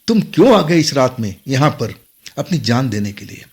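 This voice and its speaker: A man voicing a young female ghost girl who keeps pleading and warning, in a husky voice lifted higher than his own. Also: very animated, normal speed. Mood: urgent pleading.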